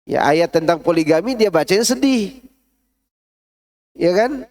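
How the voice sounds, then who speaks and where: A man's voice: high-pitched, lively intonation, measured pace, a little mellow. A man teaching a Quran study class in a large mosque, explaining with examples, asking the audience rhetorical questions and reciting verses in a melodic tone. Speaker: ustadz giving a Quran tafsir study. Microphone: stood up while speaking.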